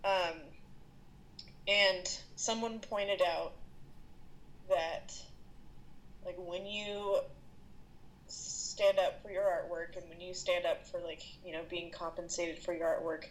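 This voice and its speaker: A woman's voice: lowish voice, steady tone, slow pace, pauses often, slight background noise, poor audio. A woman freelance artist in casual conversation, thoughtful and searching for words. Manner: thoughtful, many fillers and restarts. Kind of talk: casual chat.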